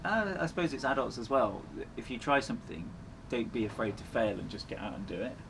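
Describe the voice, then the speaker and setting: Here an endurance runner chats as an interview guest, earnest and reflective, his mid-range voice expressive and fairly quick. The background is noticeably noisy.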